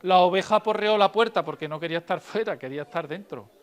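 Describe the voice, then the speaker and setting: A woman storyteller reading and telling tales to children in a library, lively and asking them questions. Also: on the low side, fast talker.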